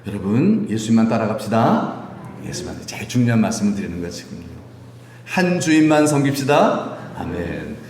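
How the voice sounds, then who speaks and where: Male pastor preaching, animated pitch, long reverb of a church hall, light room ambience. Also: brisk, a little hiss or hum. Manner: lively, teasing the congregation with questions and chuckles. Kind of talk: sermon. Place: church sanctuary.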